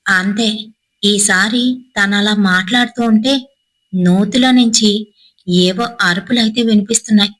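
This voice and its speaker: A woman's voice: measured pace, pauses often, a bit bright, rough recording. A woman narrating a horror story, acting out the characters' frightened cries. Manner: dramatic, voices characters' cries with a raised pitch.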